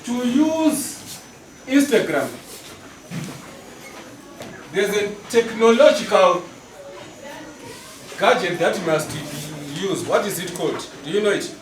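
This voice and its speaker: A middle-aged man teaching a school class. He speaks slowly and deliberately, often checking with the pupils. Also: high-pitched, lively intonation. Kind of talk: classroom lesson. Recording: roomy hall echo, distant mic, class noise.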